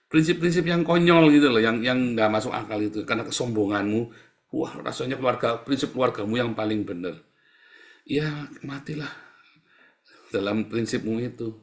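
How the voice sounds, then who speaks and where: A middle-aged male pastor preaching a sermon in a blunt, scolding, mocking way, acting out the people he quotes and laughing between points. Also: mid-range voice. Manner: acts out quoted people in shifted voices.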